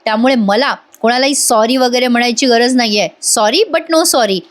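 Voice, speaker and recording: A quick-tempered young husband from a TV drama, read aloud by a woman argues his case and will not back down. The voice stays a fairly high, everyday female voice with no change in timbre. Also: close to an everyday voice. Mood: indignant.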